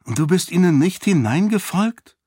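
A headstrong young noblewoman, as a man voices her in a storybook reading, raised well above his usual pitch. She talks in quick, insistent bursts and will not be talked down. The sound is dry and close. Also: lively intonation, no echo. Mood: impatient. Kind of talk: audiobook character voice.

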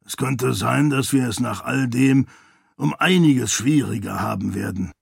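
A man voicing a grave older man with a raspy, serious voice in an audiobook. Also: mid-range voice, a little slow, no room sound, studio quality, exaggerated voice.

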